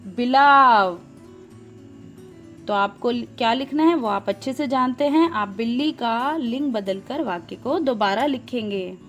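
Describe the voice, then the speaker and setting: A woman's voice: on the high side, measured pace, fairly bright tone, faint music behind. A woman teacher explaining a grammar exercise to young pupils step by step, asking questions and answering them herself. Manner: patient, explains step by step and repeats key words. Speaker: school teacher.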